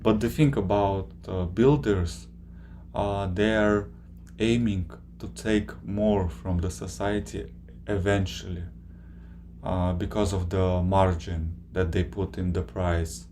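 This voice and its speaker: Slow, low-voiced man streaming. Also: fairly even intonation, mellow, slight background noise. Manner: slow, halting, many filler pauses. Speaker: streamer reacting to a video. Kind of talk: casual live-stream chat.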